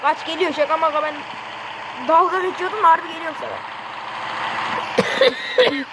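A man giving casual, excitable gameplay commentary in slangy speech, yelping at sudden moments. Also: very high-pitched, fairly quick, noisy background. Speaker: gameplay streamer.

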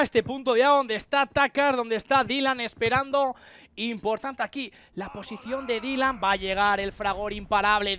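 Bright, high-voiced male esports caster. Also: slight background noise. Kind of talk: esports match commentary.

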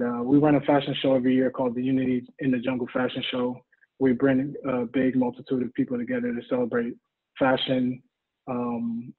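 A young man introducing himself on a video call from home, speaking softly and in a measured way that trails off. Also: mid-range voice, husky. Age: young adult. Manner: soft-spoken, measured, trailing off. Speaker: panelist. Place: home room by a window. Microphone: video call webcam. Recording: thin phone-like call audio.

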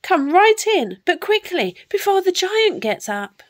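A woman voicing a huge, motherly, bossy giantess with a booming, effusive manner for a storybook. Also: very animated, a little slow, heavily acted. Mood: kindly.

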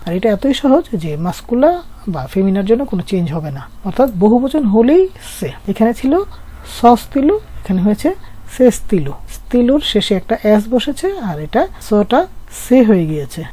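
Female teacher from Bangladesh, mellow tone, patient step-by-step grammar lesson. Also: on the high side, sing-song, normal speed, breathy edge. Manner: patient, explaining step by step with rhetorical questions. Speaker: French teacher.

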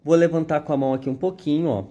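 A man's voice: on the high side, fairly even intonation, rapid-fire, warm tone. A man with a Brazilian Portuguese accent giving a chatty live sewing machine demonstration, constantly pointing things out to viewers.

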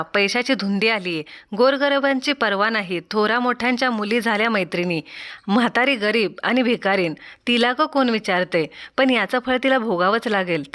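A woman's voice: on the high side, fairly bright tone, lightly acted. A woman voicing an old beggar woman who scolds with stern, rebuking words in a told folk tale.

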